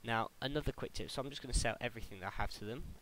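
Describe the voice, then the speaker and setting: A man's voice: medium pitch, rapid-fire, a bit bright, slight background noise, poor audio. A young British man hosting a casual game tutorial voice-over, chatty and prone to stumbling over his words. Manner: chatty, stumbles and restarts, laughs at own slips. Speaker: gaming tutorial host.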